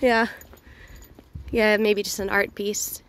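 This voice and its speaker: A woman vlogging casually while walking outdoors through an old town, chatty and slightly hoarse, with lots of fillers. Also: medium pitch, level tone, takes it slowly, a little hiss or hum. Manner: chatty, laughs often, hesitant fillers. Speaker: travel vlogger.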